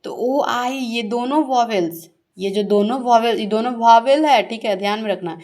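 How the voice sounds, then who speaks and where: A woman's voice: on the high side, darkish tone. Woman teaching shorthand, questioning pupils. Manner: asks questions and answers them herself; repeats key words slowly for pupils. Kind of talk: classroom-style shorthand lesson.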